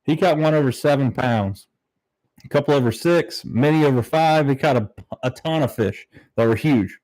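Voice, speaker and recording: A man's voice: mid-range voice, moderate pace, a little mellow, dry recording, poor audio. A man from southern Ohio hosting a casual fishing livestream, talking in a laid-back, rambling way from a small bare room at home. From southern Ohio, United States. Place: very small, bare-walled home room used as a studio, slightly echoey.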